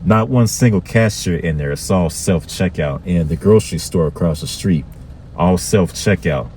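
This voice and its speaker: Male vlogger, very deep, conversational commentary, faint background noise. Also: normal speed, a little mellow. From Florida. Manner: conversational, repetitive, addresses viewers with "okay". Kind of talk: casual commentary to viewers.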